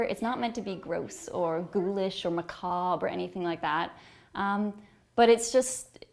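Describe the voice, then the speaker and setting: A woman with a noticeably creaky, mid-pitched voice talks in an interview as a theatre director. She explains things conversationally and with enthusiasm. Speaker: tour director and playwright.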